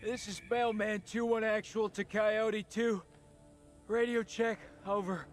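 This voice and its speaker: A man's voice: high-pitched, flat delivery, a little slow, soft background music. An actor playing a tired male marine officer making a radio check over a link with static bursts, in weary, formal radio procedure.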